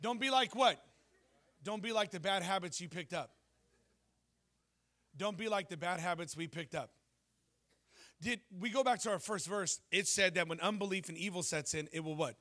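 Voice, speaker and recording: The preacher's voice is bright and sits high, moving at a moderate pace with frequent pauses. Standing on a church stage with a handheld microphone, this pastor gives an animated sermon full of stories, jokes, and questions for the congregation.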